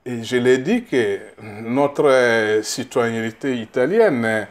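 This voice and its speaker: A middle-aged man from Burkina Faso answers interview questions as a candidate. He speaks slowly and haltingly, repeating small words while he searches for the next one. He grows emphatic on his key points. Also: mid-range voice, lively intonation. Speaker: political candidate.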